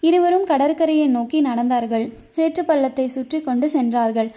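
A woman narrating a historical novel with dramatic, expressive delivery. Her voice is high and mellow, and the recording sounds dull and lo-fi. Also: normal speed. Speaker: audiobook narrator. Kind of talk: storybook narration.

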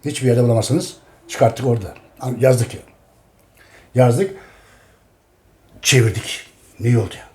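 Emphatic middle-aged man, warm voice. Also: medium pitch, unhurried, pauses often. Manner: repetitive, emphatic, repeats each phrase; addresses his audience directly. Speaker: host. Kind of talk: casual talk.

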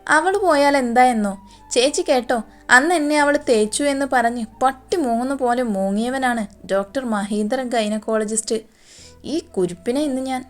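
A woman's voice: a little high, normal speed, faint music behind, lightly acted. Woman voicing a cheeky teasing little sister. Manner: teasing, mocking banter.

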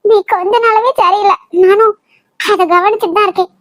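A squeaky, very high-voiced cartoon mother, voiced by a performer, probing and affectionate. She coaxes the truth out of her son in a dry, close recording. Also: fairly even intonation, brisk, dry recording. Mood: knowing. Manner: gently scolding, probing, affectionate. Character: caring, perceptive middle-aged mother. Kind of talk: cartoon voice acting.

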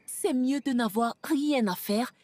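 Sensible gangster's girlfriend, highish husky voice, cautioning tone, dubbed film drama. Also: unhurried, darkish tone, no echo. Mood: firm cautioning. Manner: reasoning, cautioning.

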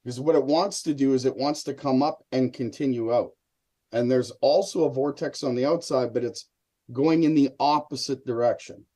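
On a video call from an indoor room, a middle-aged hobby experimenter appears as a guest presenter and runs a casual live demonstration. His voice is mid-range and mellow, at a moderate pace.

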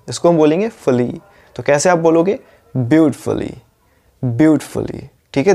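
This YouTube pronunciation teacher speaks Indian-accented English in a slightly high voice with a darkish tone, explaining in Hindi. Patient and slow, he repeats every word and keeps asking rhetorically if viewers are following.

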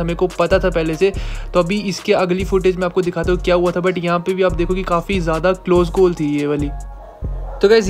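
High-voiced Indian motovlogger outdoors. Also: male voice. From Himachal Pradesh, India. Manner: chatty, mixes English into Hindi, says "guys" a lot. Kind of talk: casual Hinglish motovlog. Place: outdoors on a windy hillside road. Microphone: action camera mic.

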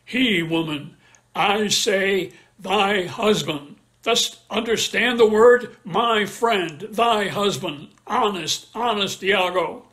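Brief: a man reading a tormented jealous general, slow and heavy in the verse, voice sitting fairly high. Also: a bit bright. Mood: accusing. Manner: slow, weighty verse delivery. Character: jealous tormented male general, middle-aged. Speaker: reader in an online play reading. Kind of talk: dramatic Shakespeare reading. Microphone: video call.

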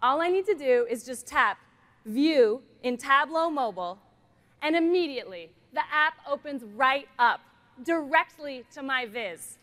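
A middle-aged woman with a high voice demos a product on a large conference stage through a headset mic. Animated and measured in pace, she keeps things bright and playful, slipping in jokes between features.

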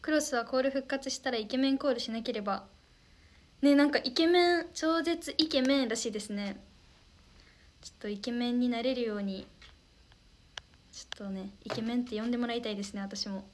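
Bubbly young woman on a livestream, kinda high voice, reads comments, says thanks a lot, faint hiss behind. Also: fairly quick, pauses often. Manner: bubbly and polite, thanking viewers often. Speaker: idol livestream host. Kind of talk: casual livestream chat reading viewer comments.

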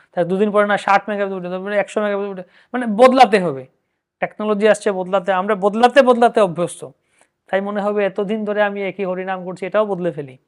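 A man with a Bengali accent hosting a devotional discussion, explaining in a lively storytelling way. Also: high-pitched. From India. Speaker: host.

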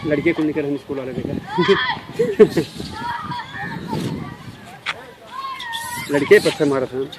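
A man's voice: very high-pitched, wildly swooping pitch, extremely slow. A local man, chatting and telling rambling stories outdoors on a busy street. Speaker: local resident. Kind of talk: casual storytelling. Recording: loud crowd and street noise.

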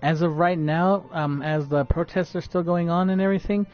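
Faint music plays behind a man whose voice is a little high and steady, moving at normal speed. He's live streaming gameplay, chatting casually while stuttering often and restarting with plenty of fillers, over dull lo-fi audio.

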